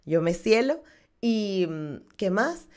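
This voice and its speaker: Animated woman podcast host. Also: medium pitch, slow. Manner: animated, gestures a lot with her hands. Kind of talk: casual podcast outro. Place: small room with dark wall. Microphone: studio condenser mic on stand.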